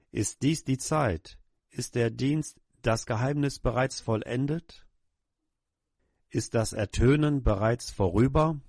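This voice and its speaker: A man's voice: medium pitch, a little mellow, no echo. Middle-aged male preacher, earnest pleading prayer, plain mid voice, dry close mic. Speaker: pastor. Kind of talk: sermon prayer.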